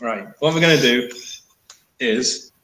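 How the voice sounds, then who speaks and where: A man running a tabletop game as game master, talking casually in a halting, wry way. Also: mid-range voice, bright, forceful tone, reverberant, poor audio.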